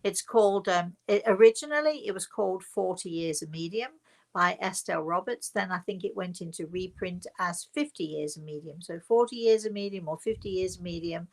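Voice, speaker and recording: Somewhat low and fairly quick, a woman's voice tells a personal story to people watching online. She is a spiritual medium who speaks conversationally and with emphasis, stretching and repeating words.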